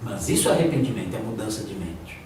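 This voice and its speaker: A man's voice: fairly low pitch, animated, fast talker. A man, a pastor, teaching a theology class in a conversational way, often acting out the voices of the people he quotes. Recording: echoey room, distant mic, noisy.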